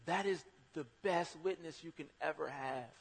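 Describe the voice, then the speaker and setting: A man preaching a sermon in a conversational way, breaking into loud, emphatic bursts. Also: a little high, moderate pace, creaky, husky. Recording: long hall reverb.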